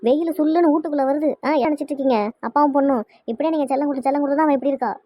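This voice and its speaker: A woman voicing a bossy, quick-tempered mother in a cartoon, scolding nonstop, with a Kanyakumari Tamil accent. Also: high voice, fairly even intonation, mellow, no echo, clean studio sound, natural voice. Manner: scolding, rapid-fire.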